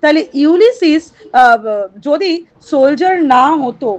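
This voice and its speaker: Female literature teacher, high-pitched, patient classroom explainer. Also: expressive, a little mellow, lo-fi sound. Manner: talks directly to students, asks and answers her own questions; reads poem lines slowly and deliberately. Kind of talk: explaining a poem to students.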